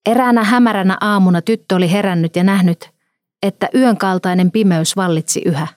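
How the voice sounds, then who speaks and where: A woman narrating a story in a calm, measured reading. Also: medium pitch, no room sound.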